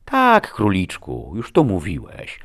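A man voicing a seductive, scheming woman who talks in a low, coaxing tone. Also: huge pitch swings, takes it slowly, heavily acted. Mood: bossy.

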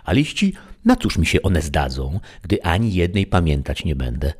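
A man voicing a rustic, boastful squire who strings proverbs together in a rising, husky voice. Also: sits low, sing-song, normal speed, full character voice. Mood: pleading. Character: rustic middle-aged male squire, proverb-loving and boastful.

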